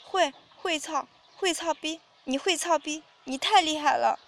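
A woman voicing a frightened, high-pitched young woman. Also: a little slow, creaky, full character voice. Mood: submissive. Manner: high, loud, crying pleas.

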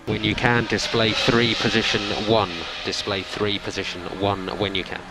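A man working as a race engineer, speaking over race car team radio in calm, clipped instructions that he repeats twice. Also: on the low side, normal speed, over loud music, poor audio.

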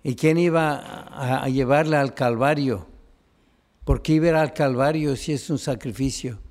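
Earnest priest preaching at Mass. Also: male voice, mid-range voice, unhurried, darkish tone. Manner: earnest, pastoral, addresses listeners directly. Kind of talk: gospel reading and homily at Mass.

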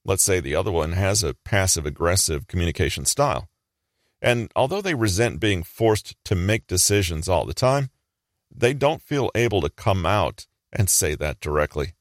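Male narrator for an explainer: very low voice, dry close sound, calm and measured scripted delivery. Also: dry recording.

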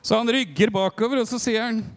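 A man preaching a teaching in a frank, conversational manner with quick asides. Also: on the high side. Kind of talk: sermon teaching.

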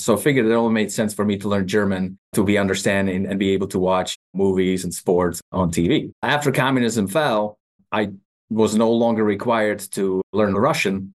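A Czech-accented man around fifty, a guest in an interview, tells his story at an unhurried, matter-of-fact pace. His voice sits fairly low, and he drops in dry, wry asides. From Czech Republic. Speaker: guest, company CEO.

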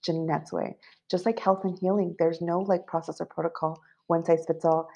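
A woman's voice: fairly low pitch, level tone, normal speed, gravelly, dark tone. A woman guest on a podcast interview, speaking with confident, assured, spiritual phrasing. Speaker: guest, business coach.

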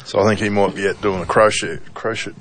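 A man's voice: fairly low pitch, fairly even intonation, fast talker, a bit bright. An Australian man co-hosting a casual fishing chat, chipping in with short, laid-back remarks. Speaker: podcast co-host.

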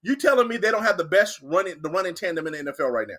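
A man's voice: high voice, racing. A young man co-hosting a sports podcast, rambling and repeating himself as he argues his predictions. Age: young adult. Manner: rambling, repeats himself, animated when arguing. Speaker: podcast co-host. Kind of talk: casual sports debate.

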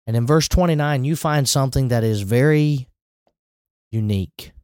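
A man's voice: medium pitch, moderate pace, darkish tone, clean tone, no room sound, studio quality. A man preaching a sermon in a conversational way, with rising emphatic asides.

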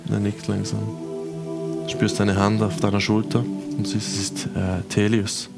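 A man from Switzerland narrating as game master of a tabletop game, slow and dramatic, voicing figures' quotes. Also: on the low side, monotone, creaky. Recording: music playing behind.

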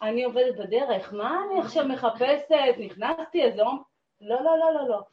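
A woman sharing an emotional personal testimony in a class, dramatic and swinging between hushed and loud. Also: fairly high pitch, lively intonation, slight background noise. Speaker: class participant. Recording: dull, roomy recording.

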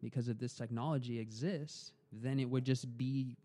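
Here a young man with a medium-pitched, mellow voice recounts his experiences on a podcast, keeping his intonation fairly even and his pace moderate. The casual interview is recorded dry. He comes across as earnest and reflective, often saying words twice while thinking.

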